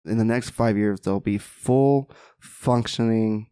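A man who is a podcast guest and mindset mentor, telling a parable in an animated, casual way and often asking "right?". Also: fairly low pitch, slow, clean tone, no room sound. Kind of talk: casual storytelling.

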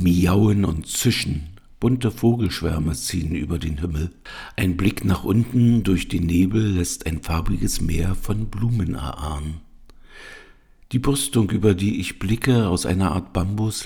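A man reads a first-person story in a calm, even manner. His voice is very low, gravelly and deeply husky. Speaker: narrator.

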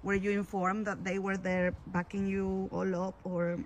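A woman's voice: mid-range voice, flat delivery, slow pace. Female interview host, conversational and familiar with her audience. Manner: chatty, addresses listeners familiarly. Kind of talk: conversational live interview in Spanish and English.

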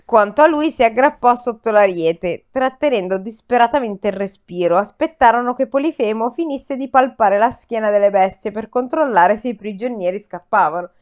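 A woman's voice: fairly high pitch, moderate pace, hardly any pauses. A woman reading a myth aloud in a casual chat, breaking off for wry, teasing comments. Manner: wry, teasing comments between read passages. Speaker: podcast host reading a story aloud. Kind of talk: reading a story with casual asides.

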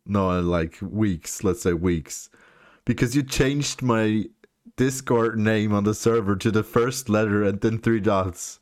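A man's voice: fairly low pitch, slow, no echo, clean studio sound. A man co-hosting a podcast from home over a voice call, chatting casually and teasing his friend with a laugh. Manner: playful teasing, laughs while talking. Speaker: podcast co-host. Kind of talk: casual chat.

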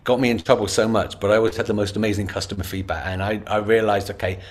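Man, interview guest, lowish voice, lively, slips into acted-out quotes. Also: fast. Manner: animated, acts out quoted dialogue. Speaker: interview guest, customer experience leader. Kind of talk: casual interview answer.

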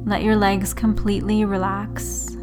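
A woman leading a guided relaxation meditation in a soothing, unhurried sleep-story manner, leaving long pauses. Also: mid-range voice, little pitch movement. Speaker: yoga and meditation teacher, host. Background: background music.

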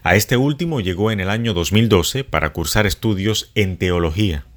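Man, scripted episode intro, steady read-out delivery, low voice. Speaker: show announcer. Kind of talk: scripted narration.

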